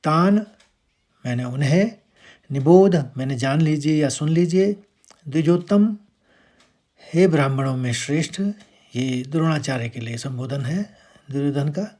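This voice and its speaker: A man teaching how to pronounce a Sanskrit verse, patiently breaking words into syllables and chanting the lines louder and drawn out. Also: a little high, measured pace, pauses often. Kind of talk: verse pronunciation lesson.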